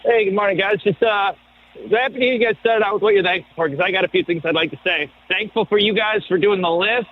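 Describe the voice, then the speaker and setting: Man with a high voice on a phone held away. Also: quick pace, slight background noise. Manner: casual, cheerful list of thanks. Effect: phone held away from his mouth. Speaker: caller. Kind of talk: sports radio call-in. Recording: tinny phone line.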